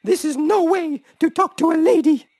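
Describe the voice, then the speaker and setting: Woman as very high, scolding cartoon lady bird. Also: normal speed, darkish tone, a little hiss or hum. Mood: indignant. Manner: scolding, earnest. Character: bossy, indignant lady bird, a cartoon activist. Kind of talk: cartoon character acting.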